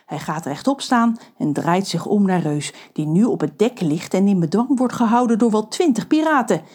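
A woman narrating a children's audiobook with lively, expressive storytelling. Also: mid-range voice, normal speed.

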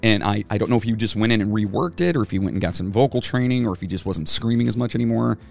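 A man with a gravelly, slightly low voice co-hosts a podcast, chatting casually like a former band singer trading stories. He talks at a racing pace in a slightly mellow tone, rambling with lots of fillers and false starts, as faint music plays behind him.

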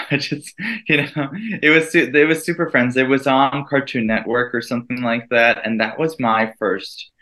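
Appearing as a guest in a casual interview, an event co-director and teacher in his thirties speaks with earnest reflection and light laughter. He's a native Italian speaker who grew up in the United States. His medium-pitched voice holds a steady, sharp tone at a moderate pace.

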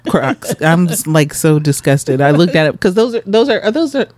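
A woman hosting a podcast in casual chat, bawdy and quick to laugh. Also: sits low, big pitch swings, a little mellow. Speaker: podcast host.

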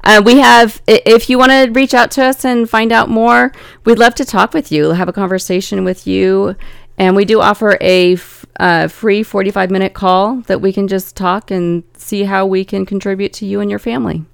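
A woman's voice: medium pitch, fairly even intonation, normal speed, creaky, clean tone, no echo, studio quality. A woman co-hosting a casual podcast as a family coach, talking earnestly and reflectively, laughing easily.

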